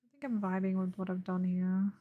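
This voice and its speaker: A woman's voice: fairly low pitch, completely flat delivery, fairly quick, narrow, tinny audio. A young woman streaming while she draws, chatting casually and laughing often. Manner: giggly, laughs often, playful. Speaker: art streamer. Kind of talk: casual chat while drawing.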